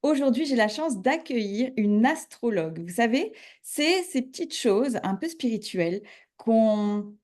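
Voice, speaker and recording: A woman's voice: fairly high pitch, lively intonation, measured pace, darkish tone. A woman hosting a podcast interview, enthusiastic and chatty, asking rambling questions. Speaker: podcast host.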